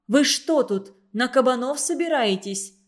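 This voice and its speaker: Woman reading a story, doing a surprised mom asking sharp questions. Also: high-pitched, lively intonation, a little slow. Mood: bewildered. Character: startled mother, demanding answers.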